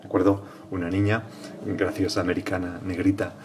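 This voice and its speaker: A priest leading a prayerful spoken meditation, speaking directly to the Lord and often dropping to hushed tones. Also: male voice, deep voice, little pitch movement, normal speed, slight background noise.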